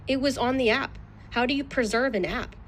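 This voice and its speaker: A plaintiff being deposed, this woman answers legal questions in a guarded, clipped way. Her voice is high and her pace moderate, with a little hiss or hum in the recording.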